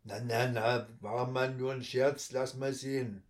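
A joking, good-humoured fisherman in a storybook, loud and teasing, as a man puts him on. He speaks in an unhurried, easy way. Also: medium pitch, steady tone, lightly acted. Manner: teasing, jovial. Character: joking thin fisherman, middle-aged.

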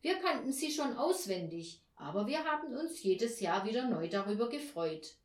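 A gruff middle-aged father in a storybook, blustering and loud as he scolds, as a woman reader puts him on. The voice swings widely in pitch. The room around it is echoey. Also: big pitch swings, normal speed. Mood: grumbling.

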